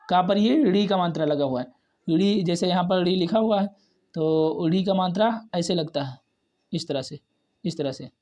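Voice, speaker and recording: A man teaching a basic reading lesson, sounding out each syllable and repeating words several times in a slow, patient way. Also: fairly high pitch, a little mellow.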